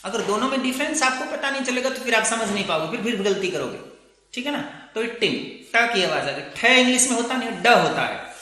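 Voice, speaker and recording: A man teaching phonetics, his voice high and bright as he walks through each sound step by step. He keeps checking that his students follow him. The room is echoey, with a long reverb trailing every word. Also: animated, brisk. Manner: explains step by step with frequent checks like "theek hai na". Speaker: English teacher. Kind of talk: phonetics lesson.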